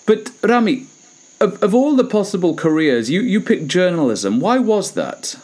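A man's voice: high-pitched, very animated, moderate pace, darkish tone. A man interviewing a guest, polite and hesitant, often repeating words as he frames questions.

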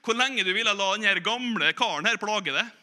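A forgiving head boss who answers calmly and plainly, as a preacher plays him in a story. His voice is high-set and very bright. He speaks steadily and without fuss. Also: heavily acted.

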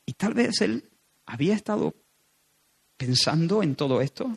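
A man from preaching a sermon, building from quiet storytelling to loud, emphatic repetition. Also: fairly high pitch, very animated, normal speed, creaky, husky.

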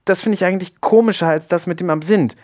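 Anxious young woman, read by a man, high-pitched, exclaiming, fast. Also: darkish tone, close to an everyday voice. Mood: uneasy.

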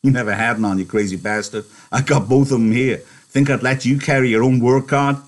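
A man voicing a small, angry ranch hand from a novel, scolding in rough rural slang. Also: medium pitch, steady tone, fairly quick, pitched above the performer's own voice, lightly acted. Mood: exasperated scolding. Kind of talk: dramatised novel reading.

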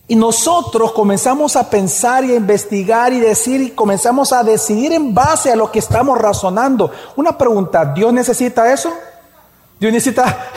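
High-voiced preacher in a reverberant hall. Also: male voice, a little mellow. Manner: rhetorical questions, slow emphatic preaching. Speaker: pastor. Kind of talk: sermon. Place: church hall.

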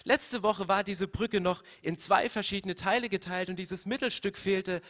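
A man's voice: sits high, steady tone, moderate pace, a bit bright. A man preaching a sermon, speaking directly to his listeners and acting out quoted prayers with rising emotion. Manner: repeats words when searching, direct address to listeners. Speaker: pastor.

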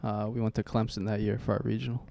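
A man's voice: on the low side, flat delivery, fast talker, creaky, mellow, no room sound. A young adult man, a guest on a casual podcast, talking modestly and hesitantly with many ums. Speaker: podcast guest, baseball player.

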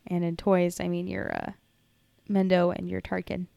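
A woman co-hosting a casual podcast, chatting with sarcastic, animated energy. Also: on the low side, normal speed, creaky, no echo, highs cut off. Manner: sarcastic, animated, slips into a hyped announcer voice when reading. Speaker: podcast co-host. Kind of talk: casual chat. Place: home podcast setup.

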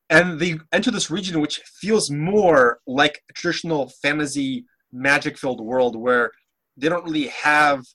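A man's voice: medium pitch, sharp tone. A man in casual podcast chat, talking hesitantly with many restarts.

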